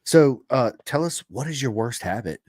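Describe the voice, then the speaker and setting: A man's voice: mid-range voice, normal speed, a little mellow. A man hosting a podcast interview, enthusiastic and chatty, often repeating himself and restarting his sentences. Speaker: podcast host. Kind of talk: casual interview.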